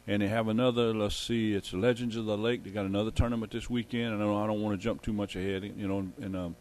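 A man's voice: fairly low pitch, fairly even intonation, quick pace, darkish tone. A man, chatting casually and in a folksy way as co-host of a local radio show. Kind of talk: casual fishing report chat. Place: radio studio.

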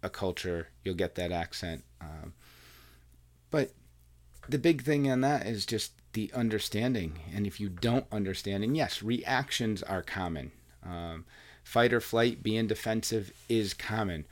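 At home with his wife, a man who hosts a podcast and works as a coach chats casually into a mic plugged into recording software. His voice is lowish and a little slow, and he talks earnestly, rambling and restarting his sentences.

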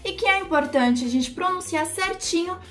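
A woman with a Brazilian Portuguese accent, an upbeat English teacher giving a pronunciation lesson who slows down to model each word. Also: very high-pitched, fairly bright tone, soft background music.

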